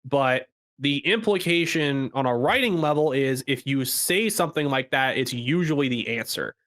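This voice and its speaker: A man's voice: mid-range voice, animated, moderate pace, fairly bright tone. Guy cohost arguing his point step by step, casual podcast talk. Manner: argumentative, lays out his case step by step. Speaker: podcast co-host. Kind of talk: casual chat.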